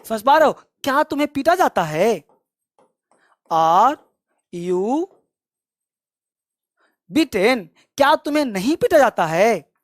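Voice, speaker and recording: A man teaching spoken English online, drilling phrases by repetition in a loud, emphatic way and ending with a fiery motivational pep talk. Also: very high voice, dry recording, studio quality.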